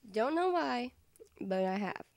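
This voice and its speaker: A woman's voice: fairly high pitch, big pitch swings, a little slow, darkish tone, a little hiss or hum. A woman vlogging casually into a microphone, goofy and rambling with frequent self-interrupting asides. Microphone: desk microphone.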